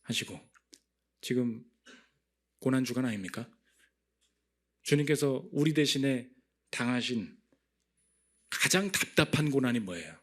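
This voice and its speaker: A male pastor delivers a church prayer-meeting sermon in a mid-range voice. He preaches in a lively way, leaping up in pitch and volume to play out inner voices, then dropping low and quiet to make a point. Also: a little slow, long pauses.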